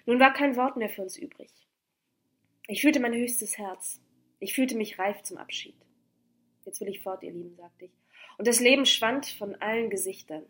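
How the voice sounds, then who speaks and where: A woman narrating a classic novel as an audiobook, expressive and declamatory. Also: on the high side, moderate pace. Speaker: audiobook reader.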